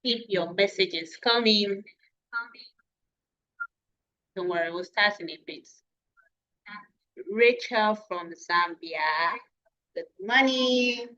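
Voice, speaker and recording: A woman hosting an online training session, greeting attendees one by one and pausing over how to say their names. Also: medium pitch, sharp tone. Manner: unhurried, reading names aloud and pausing over pronunciations. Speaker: webinar host. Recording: dull lo-fi online call audio.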